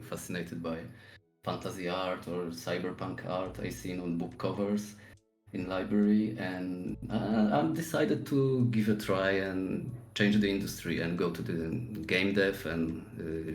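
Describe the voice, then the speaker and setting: A Polish-accented man in his forties talks in a relaxed, easygoing way, often pausing to search for words. His voice sits very low. The sound is roomy, with a noticeable echo. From Poland. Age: 40s. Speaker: guest artist. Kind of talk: casual podcast interview.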